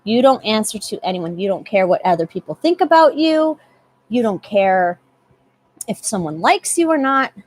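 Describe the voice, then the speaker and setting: A young woman giving a casual live tarot reading, chatty and often repeating herself. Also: on the high side. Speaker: tarot reader.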